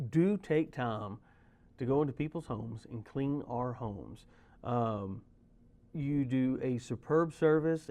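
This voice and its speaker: A middle-aged man with a drawl hosts a small-town community show. He talks in a loose, rambling way, drifting into jokey asides as he goes. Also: medium pitch. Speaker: local show host. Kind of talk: casual chat.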